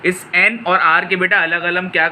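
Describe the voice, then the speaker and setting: A man's voice: high voice, flat delivery, moderate pace, pushed and bright, slight background noise, rough recording. A man tutoring physics and walking through exam solutions. He calls students "beta" and answers his own questions as he explains.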